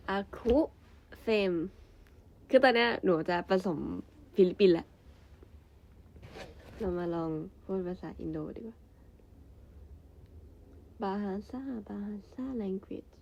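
A woman's voice: medium pitch, slow pace, long pauses, darkish tone, a little hiss or hum. Playful young woman vlogging. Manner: playful and chatty, laughs often. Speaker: idol group member. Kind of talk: casual vlog chat. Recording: slightly dull, muffled sound.

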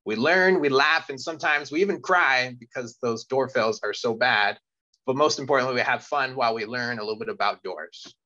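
Upbeat male host, bright lo-fi voice. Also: mid-range voice, a little fast. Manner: upbeat, jokey, with frequent fillers. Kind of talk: casual video podcast chat.

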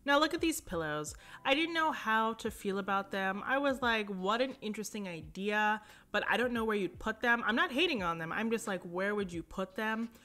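A young woman talks through a home decor shopping trip in a relaxed, chatty way. Her tone is bright and forward, and it comes across clearly as she chats. She peppers her talk with fillers and quick asides. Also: mid-range voice. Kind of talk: casual shop-with-me voice-over.

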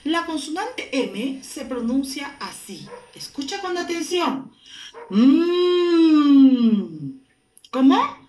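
A woman teacher with a Peruvian Spanish accent speaks slowly and patiently to small children. Her voice is high and moves a lot, and she stretches out sounds for them to repeat. The room is echoey. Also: big pitch swings. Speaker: primary school teacher. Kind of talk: recorded lesson for young children.

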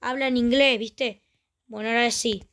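High-voiced Rioplatense woman gaming host. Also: fairly even intonation, normal speed, a bit bright, a little hiss or hum. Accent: Rioplatense Spanish. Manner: chatty, exclaiming often while playing. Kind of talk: let's play commentary.

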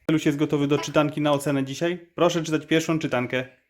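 A man's voice: fairly high pitch, fairly even intonation, fast talker. A man patiently prompting a child through a reading exercise, correcting and encouraging syllable by syllable. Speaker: parent teaching a child to read.

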